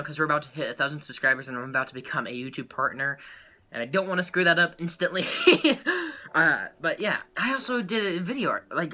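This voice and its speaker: A man giving a rambling, excitable life update to his viewers as a small YouTuber, full of fillers and quick laughs. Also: fairly high pitch. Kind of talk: casual chat to camera.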